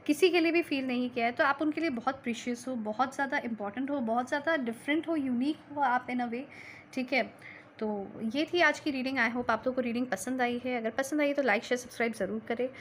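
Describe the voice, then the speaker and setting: Woman, tarot reader, reassuring and chatty, slightly higher voice, faint hiss behind. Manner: reassuring, mixes Hindi and English, frequent "theek hai?". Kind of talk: tarot reading to camera.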